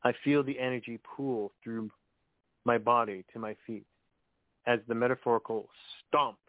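A man's voice: mid-range voice, steady tone, moderate pace, no room sound. A man calling in to a radio show over the phone, chatting casually and laughing easily, then reading his poems aloud. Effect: heard over a phone line on a radio show. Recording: tinny phone line, dry.

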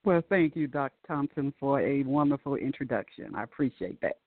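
A woman's voice: very deep voice, animated, brisk, no room sound. Gracious woman guest on a phone line. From Tallahassee, Florida. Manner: gracious and upbeat. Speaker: podcast guest. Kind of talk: phone-in interview. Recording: dry, tinny phone line.

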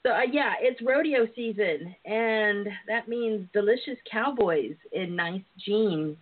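A woman's voice: medium pitch, animated, takes it slowly. A woman hosting a talk show in a sassy, bawdy, playful way, flirtatious and free with endearments. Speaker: radio talk show host, relationship and intimacy coach. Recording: tinny phone-line internet radio sound.

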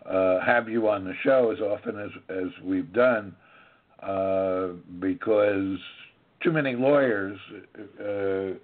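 Slow-talking man on a phone line. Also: lowish voice. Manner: slow, deliberate, with many fillers and restarts. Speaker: show host. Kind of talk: legal talk show interview. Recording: tinny phone-line sound.

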